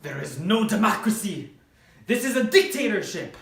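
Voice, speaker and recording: Impassioned rebel activist played by a man, urgent rallying speech, high animated pitch, roomy sound. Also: normal speed. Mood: defiant. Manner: urgent, declamatory. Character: impassioned activist rallying people against a dictatorship. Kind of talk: dramatised historical speech.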